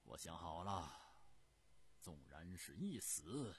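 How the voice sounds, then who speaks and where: A male storyteller voicing a principled court minister who argues in measured, drawn-out, dogged speech. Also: on the low side, sing-song, a little hiss or hum. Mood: resolute.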